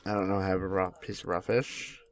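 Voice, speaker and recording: A man's voice: low voice, little pitch movement, a little fast, no room sound. A young man at home casually commenting on a game mod, chatty and easily delighted as he names each animal that appears. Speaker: gaming YouTuber.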